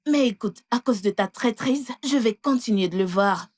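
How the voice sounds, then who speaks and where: A woman voicing a defiant, sharp-tongued young mistress in a dubbed film. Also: on the high side, moderate pace, lightly acted. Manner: mocking, scornful.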